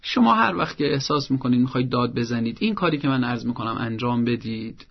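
A man's voice: mid-range voice, animated, vocal fry, dull audio. A man giving parenting advice on a broadcast program, speaking in a firm, didactic way and explaining things step by step. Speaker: parenting advisor.

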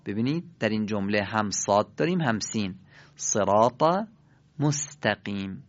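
A man's voice: fairly low pitch, lively intonation. Lo-fi man teaching Arabic pronunciation. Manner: switches between quick explanation and slow, drawn-out demonstration of sounds. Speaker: Quran recitation teacher. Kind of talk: pronunciation lesson with call-and-response drills. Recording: dull lo-fi recording.

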